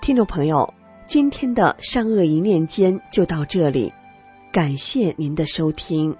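A woman narrating a first-person story on a radio program, earnest and expressive. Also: deep voice, measured pace, faint music behind.

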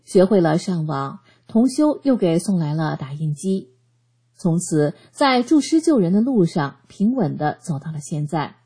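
Woman reading out a personal story, warm dark tone, earnest and steady. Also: fairly low pitch, measured pace, slightly rough. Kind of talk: scripted narration of a first-person testimony.

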